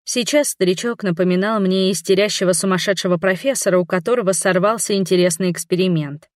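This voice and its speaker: A woman reads a first-person audiobook with a wry storytelling manner. Her voice sits at a middle pitch. The recording is close and dry. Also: fast, no room sound.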